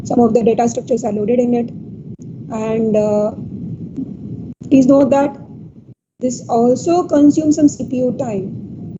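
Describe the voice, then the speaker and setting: High-voiced Indian woman lecturing. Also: steady tone, measured pace, long pauses. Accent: Indian English. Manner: hesitant, many fillers, checks understanding with "okay" and "right". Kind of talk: technical lecture. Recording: dull lo-fi audio with clear background noise.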